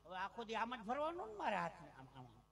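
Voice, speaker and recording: His voice is high yet gravelly and husky, and he talks fast. A folk comedian with a Gujarati accent, he performs live on an outdoor village stage through a PA system, animatedly telling jokes and stories while voicing each character.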